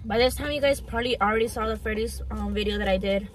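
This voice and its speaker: A young adult woman talking informally to viewers during a mukbang in a parked car, unhurried and casual between bites of food. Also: fairly high pitch, a little hiss or hum. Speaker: mukbang vlogger. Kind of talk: casual chat to viewers while eating, mukbang.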